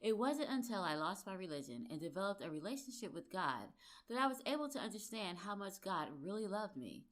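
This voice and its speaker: A woman's voice: medium pitch, big pitch swings, a little fast. A woman hosting a faith podcast, who talks with eager, emphatic enthusiasm. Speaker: podcast host and relationship coach. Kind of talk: upbeat podcast interviewing.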